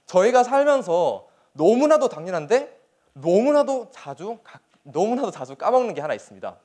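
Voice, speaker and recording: High-pitched, animated young man giving a speech. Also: moderate pace. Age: young adult. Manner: earnest, emphatic, rhetorical questions. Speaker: soldier giving a motivational speech. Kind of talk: motivational public speech to an audience.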